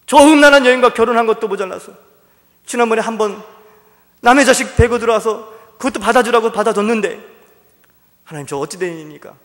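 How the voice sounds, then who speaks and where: A man doing a desperate shouting prophet. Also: quick pace. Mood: anguished. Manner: shouting, high-pitched and desperate. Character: anguished prophet husband crying out to God. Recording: long church-hall reverb.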